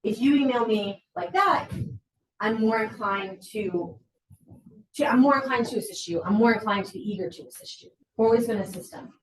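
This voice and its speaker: Brief: woman workshop presenter, high-ish voice, lively delivery, far mic in an echoey room. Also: a little fast. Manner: lively, acts out student quotes. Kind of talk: faculty training talk. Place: college meeting room. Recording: roomy hall, far from mic.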